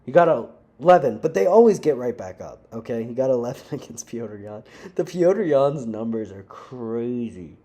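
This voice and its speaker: A young man ranting casually to camera, animated and slangy, breaking into frequent laughs. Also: mid-range voice, normal speed, few pauses. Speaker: vlogger. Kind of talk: casual rant.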